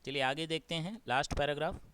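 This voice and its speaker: A man with a Gujarati accent, teaching students. He reads English lines slowly and then explains them in Hindi. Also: a little high, fairly bright tone, slight background noise. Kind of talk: explaining a textbook story to students.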